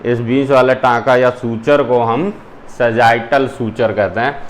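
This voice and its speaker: A man's voice: mid-range voice, fairly even intonation, measured pace, a little hiss or hum. A male zoology teacher giving a classroom lecture, explaining step by step and mixing in English terms.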